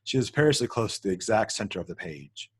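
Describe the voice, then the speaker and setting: With a low-leaning, husky voice, a man reads scene headings and action from a screenplay at a table read, talking fast in a sing-song way. He stumbles now and then and corrects himself.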